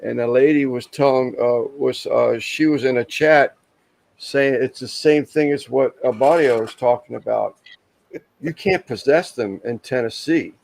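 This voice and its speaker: Gravelly-voiced man chatting on a stream. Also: medium pitch, darkish tone, rough recording. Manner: rambling, halting storyteller. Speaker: livestream host. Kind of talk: casual chat.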